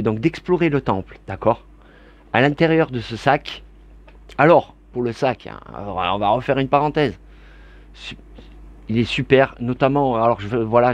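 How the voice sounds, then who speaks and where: A man's voice: medium pitch, no echo, muffled recording. Male board game YouTuber, loose chatty rules walkthrough, laughs a lot, wanders off topic. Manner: rambling, chatty, laughs often, many digressions; warm and grateful toward viewers. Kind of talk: casual rules explanation to camera.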